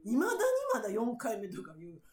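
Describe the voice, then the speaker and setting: A middle-aged woman with a Kansai accent chatting casually in a loud, blunt, outspoken auntie manner, acting out the stories they tell. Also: medium pitch, animated, fairly quick. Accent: Kansai Japanese. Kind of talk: casual chat, animated storytelling. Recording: echoey room with loud chatter behind.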